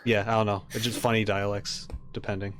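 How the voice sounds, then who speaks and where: An American man from New York, co-hosting a podcast in relaxed, casual chat, chuckling often and trailing off mid-thought. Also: on the low side, a little fast, slight background noise. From Long Island, New York. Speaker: podcast co-host.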